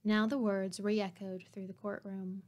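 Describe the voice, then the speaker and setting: A woman's voice: medium pitch, flat delivery, unhurried, a little mellow. A woman hosting a podcast, reading a novel aloud with wry, sarcastic asides between passages. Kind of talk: casual read-aloud with joking asides.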